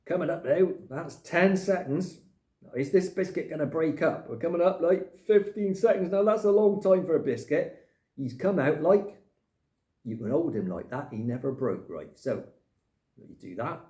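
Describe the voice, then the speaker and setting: A rambling, chatty man vlogging to camera, his mellow voice swinging up and down in pitch. He drops mild swear words as he goes. The sound bounces around an echoey room. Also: expressive, moderate pace. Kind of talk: casual chat to camera.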